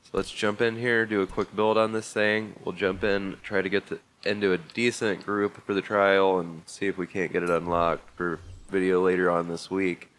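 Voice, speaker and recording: The racing game host speaks in a deep, flat, fairly bright voice at a moderate pace with hardly any pauses, while slight background noise sits under the audio. Congested from a bad cold, he talks casually and methodically through a vehicle build, using fillers.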